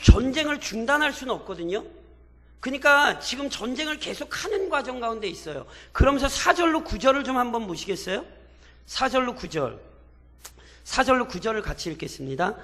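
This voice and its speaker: A man preaching a sermon as pastor, animated and full of rhetorical questions to the congregation, in a church with long reverb. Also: high voice.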